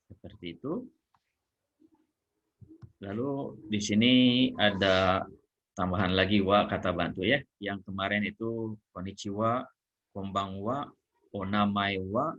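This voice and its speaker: A man's voice: lowish voice, takes it slowly, pauses often, fairly bright tone, lo-fi sound. A man teaching a Japanese grammar lesson, explaining patiently and repeating example sentences with frequent checking "ya".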